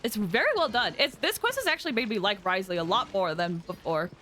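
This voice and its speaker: A woman livestreams a game and chats with viewers in a casual, informal, rambling way. She speaks fast in a mid-range voice that is expressive and bright with a forceful tone. There's slight background noise, and game music plays behind her.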